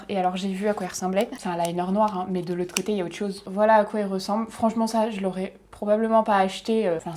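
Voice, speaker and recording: Young woman, excited chatty vlogger, giggly asides, casual makeup unboxing. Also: mid-range voice. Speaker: beauty vlogger.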